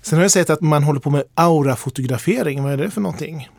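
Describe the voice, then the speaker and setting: A calm man hosts the conversation and asks brief questions. His voice sits a little high for a man. The sound is dry and close. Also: creaky, no room sound. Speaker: interviewer host.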